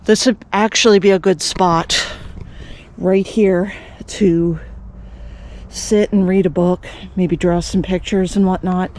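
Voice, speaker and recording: A man's voice: high voice, steady tone, slow, a little mellow, slight background noise. A man from Canada narrating a casual walking vlog outdoors, chatty and rambling with many fillers and restarts. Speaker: vlogger. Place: outdoors, walking around a rural cemetery.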